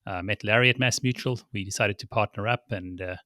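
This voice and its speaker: Bright-voiced man. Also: fairly low pitch, brisk, no room sound, clean studio sound. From South Africa. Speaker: guest, financial advisor. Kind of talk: casual interview.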